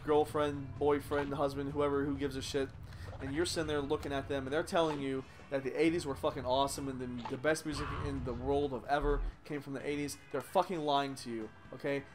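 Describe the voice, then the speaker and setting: A man hosting a let's play, swearing constantly and ranting sarcastically, rambling with restarts and asides as he plays. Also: fairly high pitch. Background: game music.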